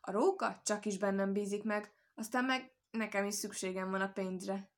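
A woman voicing a clever, quick-witted little male hare in a storybook tale, talking in a lively, playful way. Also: medium pitch, natural voice. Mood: playful sly.

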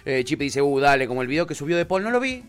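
An Argentine man hosts a casual live stream in a slightly high voice. He reads viewer messages aloud in an easygoing way. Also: big pitch swings, rapid-fire, faint music behind. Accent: Rioplatense Argentine Spanish. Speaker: stream host reading chat.

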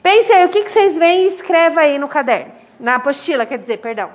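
A schoolteacher gives classroom instruction, explaining step by step and counting syllables out loud. Her voice is high-pitched and fast, captured from afar in an echoey room with a little hiss or hum.

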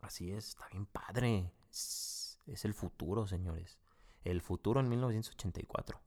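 A man's voice: on the low side, normal speed, a little mellow. A man with a Mexican accent giving a casual, profane, rambling spoken review full of slang and restarts. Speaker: video reviewer.

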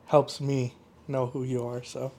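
A man's voice: medium pitch, flat delivery, a little slow, darkish tone. Laid-back male podcast host. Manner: laid-back, rambling, heavy use of "like". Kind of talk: casual interview chat.

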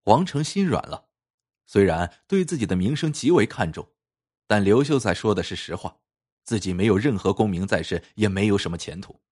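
A man narrating an old folk tale in an expressive, lilting storytelling way. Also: lowish voice, brisk, breathy edge.

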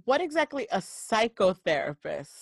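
A woman co-hosting a podcast, asking curious, halting questions full of "like". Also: fairly high pitch, very animated, gravelly, no echo, clean studio sound. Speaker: podcast co-host. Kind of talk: podcast conversation.

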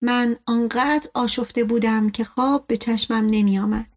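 A woman narrating a novel as an audiobook in a steady, measured way. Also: a little high.

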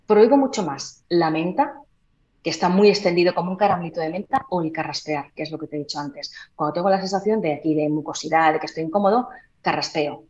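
A woman voice therapist explaining in a podcast interview, demonstrating by changing her volume and slowing down. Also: sits low, a little mellow, muffled recording. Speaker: voice therapist and trainer.

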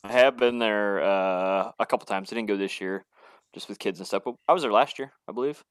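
A man in his mid-thirties with a fairly low voice tells a story on a video call. He laughs easily and keeps the telling lively, and the sound is dry and close. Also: a little fast, clear, resonant tone, no room sound. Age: 30s. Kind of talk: casual chat.

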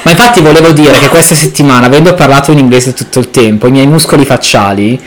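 A man's voice: mid-range voice, fast, crowd noise. An Italian man chatting casually and telling anecdotes in a joking, self-mocking way, dropping English phrases into his Italian. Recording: background noise and ambience.

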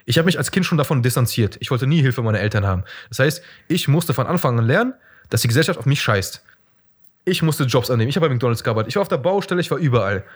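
A man's voice: mid-range voice, lively intonation, fast talker, husky. A young man talking bluntly and crudely in a casual podcast chat, ranting about people he knows.

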